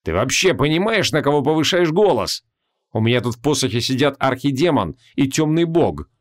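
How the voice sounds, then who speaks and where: A man's voice: mid-range voice, very animated, a little fast, lightly acted. A scornful ancient archmage, as a man reading puts him on, speaking with mocking arrogance. Audiobook fantasy reading. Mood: menacing.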